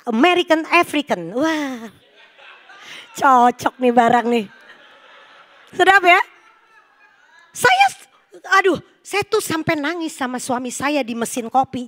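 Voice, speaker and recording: A middle-aged woman preaching a sermon at a church service, telling stories in a lively, joking way and talking directly to the congregation. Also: high voice.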